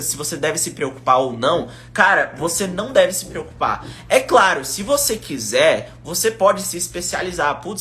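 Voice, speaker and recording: A young Brazilian man, an English teacher, chatting casually on a live stream, reading out viewer comments in a relaxed, slangy way. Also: fairly high pitch, slight background noise. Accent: Brazilian Portuguese. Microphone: phone.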